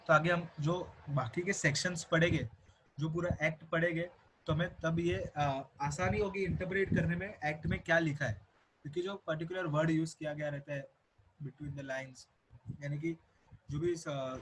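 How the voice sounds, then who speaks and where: Young indian man, law lecture, higher-pitched voice, repeats points, faint noise. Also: fairly even intonation, moderate pace, low-quality recording. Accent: Indian English. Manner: explanatory, repeats key points, mixes English terms into Hindi. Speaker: teacher. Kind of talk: recorded lecture.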